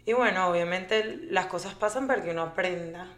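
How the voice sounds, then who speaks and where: A woman's voice: fairly low pitch, fairly quick, a loud crowd. A woman, chatting as an interview guest and dropping English phrases. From Venezuela. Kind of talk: conversational interview.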